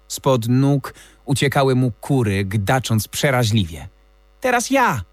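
A man narrating a children's audiobook in a measured, expressive reading style. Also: mid-range voice, no echo. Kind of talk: scripted storybook narration.

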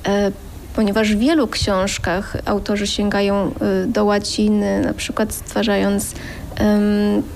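A woman's voice: medium pitch, completely flat delivery, measured pace, vocal fry, a little mellow, slight background noise. A woman author answering interview questions thoughtfully, with frequent hesitations. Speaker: children's book author.

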